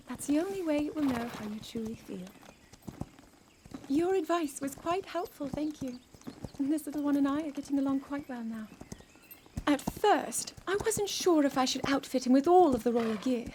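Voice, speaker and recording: A woman's voice: sits high, lively intonation, moderate pace, noisy background. A woman playing an earnest, burdened teenage princess in a dramatic video game cutscene, with formal, emotive delivery. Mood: gentle, content. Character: earnest, burdened sixteen-year-old princess, regal and yearning. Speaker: voice actor.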